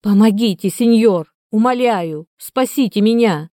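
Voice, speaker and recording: A woman's voice: medium pitch, a little slow, dark tone, no room sound, studio quality, natural voice. A woman voicing a desperate man who pleads in a raised, urgent voice. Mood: pleading.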